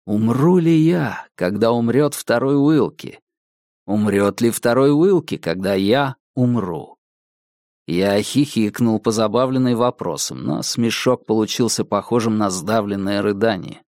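A man narrating a gothic story in a measured, somber, dramatic reading. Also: fairly low pitch, darkish tone, dry recording, clean studio sound. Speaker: audiobook narrator. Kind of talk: scripted narration.

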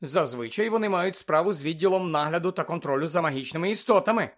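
A man's voice: fairly high pitch, expressive, fast talker, natural voice. A man reading aloud voicing a clever, bossy teenage schoolgirl who lectures her friends. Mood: earnest. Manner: earnest, lecturing. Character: fussy clever teenage girl student, bossy.

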